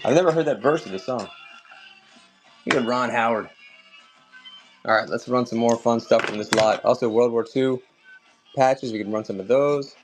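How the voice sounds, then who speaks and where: A man's voice: medium pitch, normal speed, long pauses. Man, live auction seller, upbeat casual chat, faint music behind. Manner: chatty, upbeat, talks to viewers by name.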